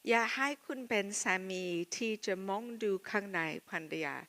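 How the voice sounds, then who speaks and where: A woman who is not a native speaker of Thai gives a personal testimony as a missionary speaker, speaking in short, halting phrases of simple Thai and pausing for an interpreter. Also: mid-range voice, bright, forceful tone.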